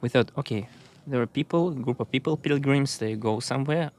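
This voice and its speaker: Halting, soft-spoken man from Russia. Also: mid-range voice. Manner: halting, searching for words with many pauses. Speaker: podcast guest. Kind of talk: casual conversation. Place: outdoors on a walking trail.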